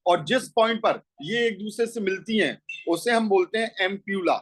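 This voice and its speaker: This rough recording captures a high-pitched man teaching biology at a school. At normal speed, he lays out the lesson step by step and answers the questions he puts to himself.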